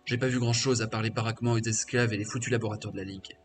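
A man's voice: on the low side, steady tone, racing, lightly acted. A man voicing a bitter, defiant male half-orc warrior mage who was once a slave, reading crude, scornful game dialogue aloud over faint game music.

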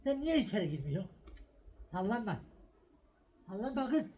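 Middle-aged male vlog host, husky voice, lively swooping delivery, chats to camera while cooking, coaxes animals. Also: sits high, normal speed. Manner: talks to viewers while making a sandwich, then shouts and coaxes an animal. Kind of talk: casual cooking and farm vlog.

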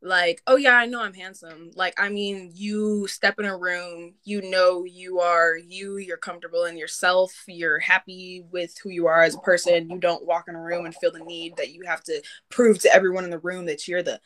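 Bright-voiced young woman chatting candidly. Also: lowish voice, flat delivery. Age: young adult. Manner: candid, swears freely, quick bursts of talk. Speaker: livestream host. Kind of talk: casual live-stream chat.

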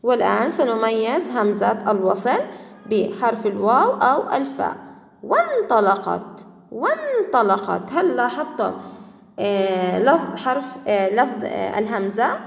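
A woman teacher with a lively, rising and falling voice leads a patient classroom grammar lesson. She sounds a little high, repeats words slowly and praises her pupils often. The recording is echoey, with a long reverb trailing behind her. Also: creaky.

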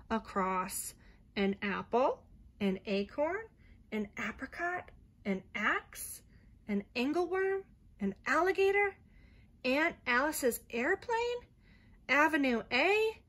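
Woman storyteller, soothing bedtime read-aloud, unhurried and sing-song, light high voice. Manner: gentle, expressive storybook reading. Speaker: storyteller reading to a child.

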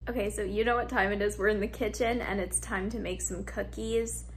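A woman's voice: mid-range voice, steady tone, brisk, a little hiss or hum. A woman chatting casually in a home vlog, playful and self-deprecating as she talks through her day. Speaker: vlogger. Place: at home, bedroom and kitchen.

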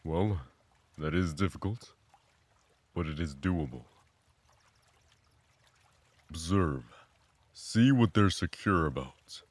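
In an audio drama, a man with a bass voice plays a calm, grave, philosophical mentor, speaking in a measured, contemplative way. The recording is dry and the voice is exaggerated.

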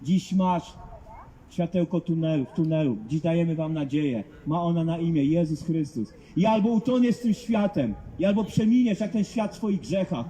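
Out on a public street, this man preaches the gospel in the open air to people walking by, fervent and emphatic, hammering his points with rhetorical questions. His voice is a little high and mellow, with lively intonation and a moderate pace.

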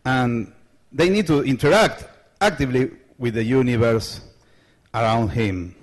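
An Argentinian man gives a conference talk on a large lecture hall stage, holding a handheld microphone. He speaks slowly at a medium pitch, in halting non-native English with many fillers and restarts.

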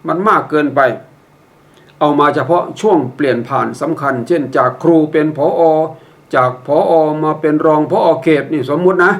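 An older man gives a patient instructional talk, walking listeners through each step. His voice sits a little high for a man. He drops in wry mock examples and keeps a courteous, measured tone. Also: fairly bright tone. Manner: polite, ends phrases with a courteous particle. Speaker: public speaking instructor.

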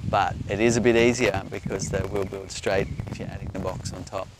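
A middle-aged Australian man gives an unscripted explanation in a halting, measured way. His voice is on the low side and very even in pitch. He is outdoors, with loud noise behind him. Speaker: beekeeper, presenter answering viewer questions. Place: outdoors on an open grassy hillside.

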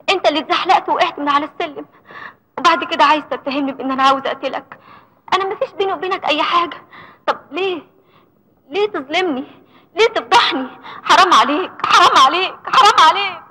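A woman's voice: high-pitched, fast talker, long pauses, bright, forceful tone, poor audio. An actress playing a wronged, desperate woman in an Egyptian film melodrama, pleading indignantly in Egyptian Arabic. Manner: pleading, indignant, repeating her reproaches. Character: wronged, desperate woman defending her honour.

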